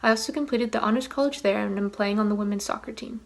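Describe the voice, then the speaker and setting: Young female student, born in England, rapid brisk intro, gravelly edge. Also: mid-range voice. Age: young adult. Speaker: college student. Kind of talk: personal introduction.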